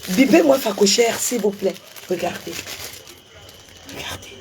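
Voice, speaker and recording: A woman's voice: mid-range voice, lively intonation, a little slow, a little mellow, a little hiss or hum. A woman, effusively showing off gifts in a vlog and repeating her exclamations. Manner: effusive, repetitive, laughing exclamations. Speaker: social media personality. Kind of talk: excited unboxing vlog.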